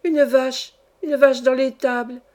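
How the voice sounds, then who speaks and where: A woman's voice: fairly high pitch, normal speed, dark tone, lightly acted. A woman voicing an older peasant foster mother in a storybook reading, tender, exclamatory and easily moved. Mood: astonished. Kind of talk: audiobook character reading.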